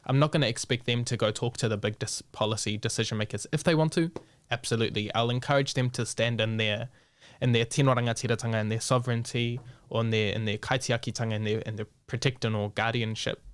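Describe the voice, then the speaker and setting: A man's voice: medium pitch, steady tone, quick pace, clean tone, dry recording. A young man with a New Zealand accent, a guest speaking bluntly and frankly in a casual interview, swearing freely and mixing in Māori words.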